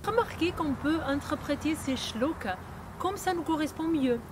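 A woman's voice: high-pitched, animated, normal speed, background noise. A woman with a non-native accent teaching a lesson, patiently explaining with frequent hesitations and restarts. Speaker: Ayurveda teacher.

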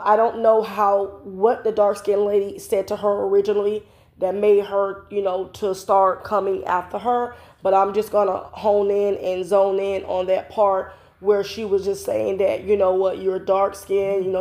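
A woman in her thirties, still stuffy-nosed from a cold, hosts a casual commentary vlog from home, talking straight into a close-up phone camera. Her mid-range, slightly mellow voice moves little in pitch at a normal speed as she rambles through her opinions, chatty and confident, with lots of "you know" fillers.

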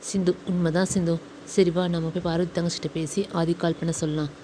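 A woman voicing Shyam, a young man who calmly and firmly reassures his family. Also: fairly low pitch, fast, slight background noise, natural voice, poor audio. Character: young husband, caring brother-in-law.

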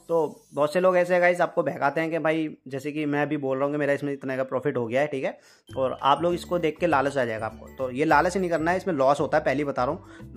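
A man giving casual, chatty commentary over his own slot game session, speaking frankly to his viewers about wins and losses. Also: fairly high pitch. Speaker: gaming YouTuber.

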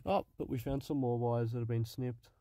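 Cursing, mellow-voiced guy working on a car. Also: medium pitch, steady tone, moderate pace, a little hiss or hum. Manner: swears often, mutters while working. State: out of breath. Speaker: car project vlogger. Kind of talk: casual work-along narration. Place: cramped car footwell.

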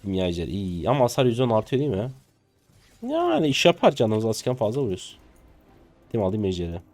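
This twenty-something streamer from Turkey talks fast while giving live commentary on the match he's playing. He veers between quiet, low grumbles and abrupt high-pitched squeals. Playful and hyped, he keeps things relaxed and swears offhandedly.

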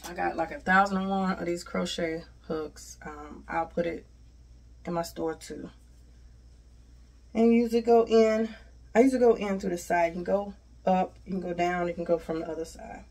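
Female American vlog host, 30s, slightly low pitch, casual how-to delivery, a little off-mic. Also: fairly even intonation, normal speed, creaky, a little mellow. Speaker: hair tutorial host. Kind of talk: casual instructional chat. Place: small home bathroom, indoors. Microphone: camera a short distance away. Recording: voice distant from the mic.

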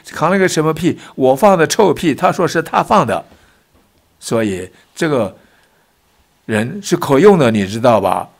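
A man's voice: mid-range voice, vocal fry. An older man hosting a political commentary show, telling folksy stories and acting out the voices he quotes. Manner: folksy, acts out quoted voices, lively emphatic delivery.

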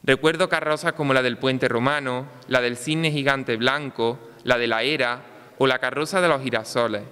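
Bright-voiced young man in echoing church. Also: mid-range voice, clear, resonant tone. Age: young adult. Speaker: festival proclaimer. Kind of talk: read-out ceremonial speech with recited verse. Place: large ornate church, indoors. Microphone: microphone on a stand. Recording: long church reverb.

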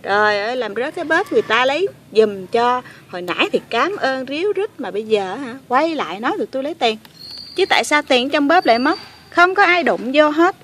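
A woman's voice: on the high side, big pitch swings, quick pace, hardly any pauses, a bit bright, a little hiss or hum. A woman voicing a grumpy, bossy male toy dinosaur that grumbles and teases. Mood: indignant. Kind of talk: toy play voice acting.

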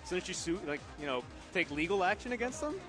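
A young man co-hosting a casual chat in an easygoing, joking way. His voice is high for a man, and clear music plays in the background. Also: animated, fast. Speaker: co-host.

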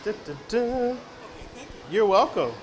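A man with a high voice speaks expressively and slowly inside the large, echoing hall of a science center. He's a company representative fielding audience questions in a casual public Q&A, friendly and rambling with lots of fillers and restarts. The hall is reverberant, with faint background noise.

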